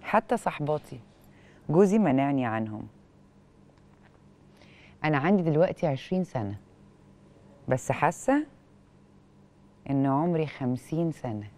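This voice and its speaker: Wearing a lapel mic in a studio, a female television host with an Egyptian accent reads a letter and offers expressive, questioning commentary. Her voice is low, her pace moderate, and she pauses often.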